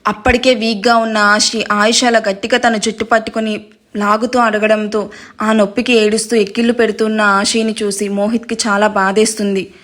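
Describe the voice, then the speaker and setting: A woman reading a romance drama aloud, steady and dramatic, with playful asides to listeners. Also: medium pitch, brisk. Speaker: storyteller. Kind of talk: scripted narration.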